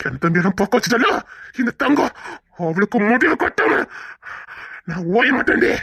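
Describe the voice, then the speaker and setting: A man's voice: sits high, big pitch swings, moderate pace, gravelly, bright, forceful tone, slightly rough, dry recording, clean studio sound, heavily acted. A man playing a proud young husband who angrily scolds his crying wife in a web drama. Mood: angry scolding. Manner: harsh, scolding. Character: proud, furious young husband shamed in public.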